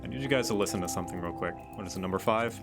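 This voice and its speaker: A man's voice: deep voice, very fast, creaky, over loud music. A man giving casual, playful livestream commentary as a game streamer. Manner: playful, informal.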